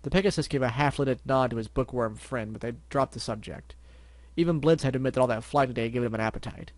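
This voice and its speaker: A man's voice: medium pitch, fast talker, dry recording. A man narrating a scripted story with a congested, stuffy nose from blocked sinuses. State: blocked sinuses, can't breathe through his nose. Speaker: fan fiction reader.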